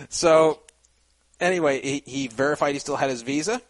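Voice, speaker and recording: A man's voice: a little high, rough recording. A man hosting a casual podcast chat, rambling with many restarts and fillers. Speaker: podcast host.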